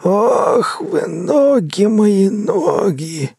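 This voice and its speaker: A man voicing a soft-hearted old drunken tramp who groans and drawls with pity, in an audiobook. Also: a little high, creaky, breathy edge, no echo, clean studio sound, voice pushed up, heavily acted. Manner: groaning, drawn-out, pitying.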